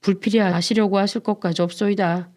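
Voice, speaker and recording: A woman's voice: mid-range voice, steady tone, fairly quick, darkish tone, natural voice. Woman doing a curt grieving old man. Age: older. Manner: curt, gruff, lamenting. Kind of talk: dramatized book reading.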